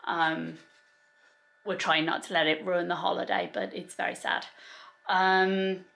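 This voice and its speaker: Woman, family vlogger. Lowish, gravelly voice, casual and rambling with lots of ums. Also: little pitch movement, unhurried, fairly bright tone. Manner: chatty, rambling, frequent filler ums. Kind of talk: casual vlog chat to camera. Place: family holiday resort.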